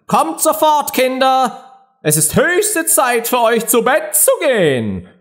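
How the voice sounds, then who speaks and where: A man doing a shrill, trembling canary mother. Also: wildly swooping pitch, slow pace, fairly bright tone, exaggerated voice. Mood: fussing.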